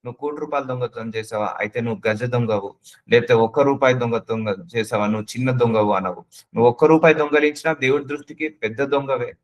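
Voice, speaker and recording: A man's voice: medium pitch, fast, lo-fi sound. A man preaching a sermon, earnestly addressing the listener with repeated questions and slipping English words into his speech.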